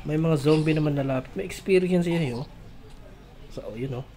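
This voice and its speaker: A congested gamer, still getting over a cold, chatting casually through mobile gameplay and calling out to monsters in a drawn-out singsong. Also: medium pitch, a little hiss or hum. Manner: calls out to mobs in a drawn-out singsong. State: congested from a cold, chesty cough. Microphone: phone. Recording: loud game music behind voice. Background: game music.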